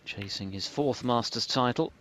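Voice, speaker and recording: A man giving measured, hushed television snooker commentary, dropping in statistics. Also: medium pitch, slight background noise. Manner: measured, statistic-laden delivery. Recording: crowd and hall ambience behind. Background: snooker audience ambience.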